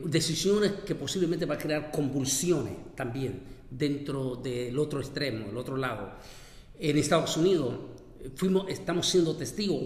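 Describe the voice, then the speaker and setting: A man hosting a talk show, commenting on current events in a measured, hesitant way and correcting himself as he goes. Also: on the high side, darkish tone, reverberant, in a large hall.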